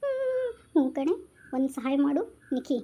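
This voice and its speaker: A woman's voice: high voice, big pitch swings, moderate pace, lo-fi sound. A woman voicing a tearful young woman pleading against an arranged marriage, with a North Karnataka Kannada accent. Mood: worried. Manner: pleading, weepy, soft. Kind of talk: homemade village drama.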